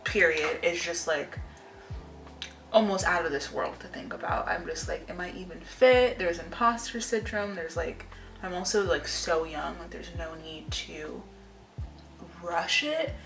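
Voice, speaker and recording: A woman's voice: fairly low pitch, measured pace, a bit bright. A woman in her twenties talking casually to camera as a vlogger, informal, rambling and confiding. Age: 20s. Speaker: lifestyle vlogger. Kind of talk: casual chit-chat to camera. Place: indoor room at home. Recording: roomy echo with music behind. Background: music.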